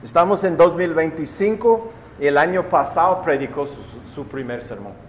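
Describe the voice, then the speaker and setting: A man's voice: a little high, expressive, normal speed, a little hiss or hum. A male pastor preaching a sermon, telling a story and often asking the congregation rhetorical questions. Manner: addresses listeners as brothers and sisters.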